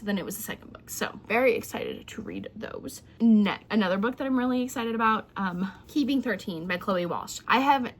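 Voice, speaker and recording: A young woman talking casually to viewers as a book vlogger, in an excited, rambling, giggly way, keeping her volume down a little. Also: medium pitch. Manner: hushed, holding volume down for sleeping child. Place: indoors at home. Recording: clear heater hum behind voice.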